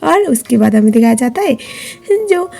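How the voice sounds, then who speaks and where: A woman's voice: on the high side, big pitch swings, moderate pace, vocal fry, mellow, soft background music. A woman narrating a casual drama recap, retelling scenes with chatty asides.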